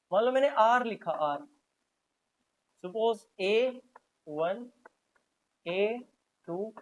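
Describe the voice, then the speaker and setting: A male maths teacher giving a classroom lecture, asking questions and answering them himself with frequent prompts to the class. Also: high-pitched. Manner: repetitive, drilling, frequent "haan ji" prompts.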